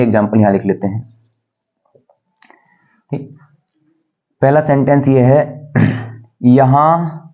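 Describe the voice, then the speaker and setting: Male tutor, mid-pitched, methodical classroom explainer, lo-fi tinny recording. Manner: explains step by step, asks and answers own questions. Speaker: English grammar teacher. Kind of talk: classroom lesson. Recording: tinny phone-like sound.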